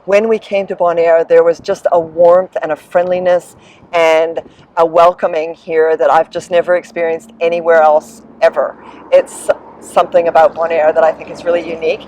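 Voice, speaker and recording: A woman's voice: fairly low pitch, level tone, normal speed, a little hiss or hum, low-quality recording. Upbeat middle-aged woman from New Zealand. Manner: enthusiastic, upbeat, warm promotional tone. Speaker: land sailing business coordinator, guest. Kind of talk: interview answers.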